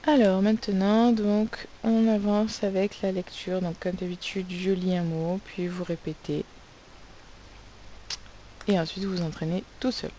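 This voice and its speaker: A woman teacher giving a recorded spelling lesson for young pupils, slowly sounding out words and spelling them letter by letter. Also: mid-range voice, flat delivery, dark tone, slight background noise. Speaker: primary school teacher.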